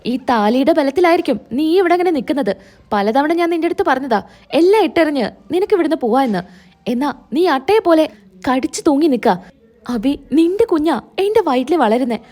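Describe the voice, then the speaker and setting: A wounded young wife, read by a woman, pleading and reproachful, high and mellow. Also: expressive, brisk.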